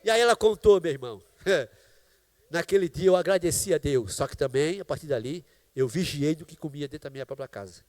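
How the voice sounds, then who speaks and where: A male pastor with a Brazilian Portuguese accent preaches in a large church, his voice sitting fairly high for a man. He tells his story in a preaching cadence, breaking into cries of praise along the way. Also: expressive, brisk, darkish tone, big-room sound. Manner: storytelling testimony with preaching exclamations. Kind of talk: sermon. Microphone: live stream church microphone.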